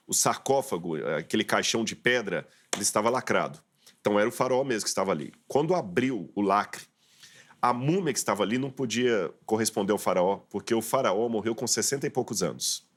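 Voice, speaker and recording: A man, a guest professor on a studio talk show, explaining terms step by step in an interview. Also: on the low side.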